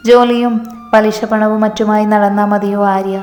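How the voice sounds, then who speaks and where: A woman narrator voicing a hopeful, quietly scheming young woman who talks in a soft, persuasive way. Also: mid-range voice, little pitch movement, normal speed, lightly acted. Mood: coaxing. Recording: echoey room reverb, soft music.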